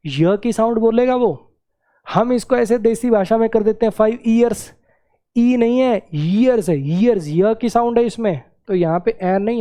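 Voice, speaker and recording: Mellow-voiced man teaching grammar. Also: sits high. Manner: repeats key words and checks understanding. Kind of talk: classroom lesson.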